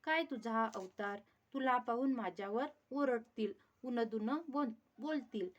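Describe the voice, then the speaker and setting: A woman's voice: on the high side, unhurried, lo-fi sound, close to an everyday voice. A woman voicing an anxious young maidservant in a devotional storybook tale, speaking with worried earnestness.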